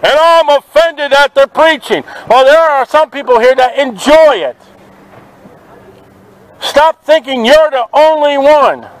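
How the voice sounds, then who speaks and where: A man preaching outdoors at a market, forceful and confrontational, quoting scripture to passers-by. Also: very high voice, lively intonation, unhurried, rough recording. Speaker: street preacher. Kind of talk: open-air street preaching. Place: outdoors at a city market by traffic.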